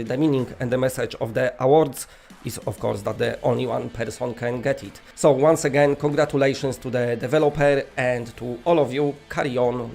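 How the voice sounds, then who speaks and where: A man's voice: mid-range voice, creaky, darkish tone. A man with a Polish accent presenting an award in a casual, rambling, tongue-in-cheek way.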